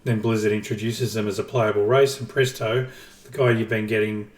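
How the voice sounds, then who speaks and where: A man's voice: fairly low pitch, flat delivery, fairly quick. A man co-hosting a casual gaming podcast, explaining his ideas at length with dry jokes. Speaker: podcast co-host. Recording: roomy, distant from the mic.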